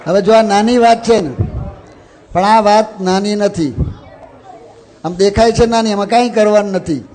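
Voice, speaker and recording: A man giving a sermon and guiding a ritual, mixing English phrases into his talk and gently directing children on a stage. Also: high-pitched, normal speed, some chatter behind. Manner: instructive, mixes English phrases into speech. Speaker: religious speaker leading an assembly. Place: stage before an audience.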